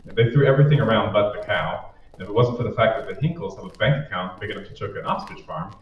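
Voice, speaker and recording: A man with a fairly low, everyday-sounding voice speaks fast as a sardonic, grumbling boyfriend in an old-time radio drama, a reluctant wisecracker complaining about his boss's parties. Faint noise sits in a muffled, very echoey, distant recording.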